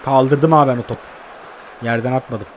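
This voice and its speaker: A young man giving excitable live commentary while playing a mobile football game, groaning and cursing at it. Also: mid-range voice, fairly quick, a little hiss or hum.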